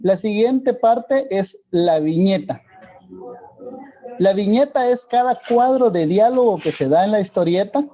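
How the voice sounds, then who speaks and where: A male teacher with a Guatemalan Spanish accent, explaining a lesson slowly and checking in with rhetorical questions. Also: sits high, lively intonation, mellow, highs cut off. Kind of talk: classroom lesson for video.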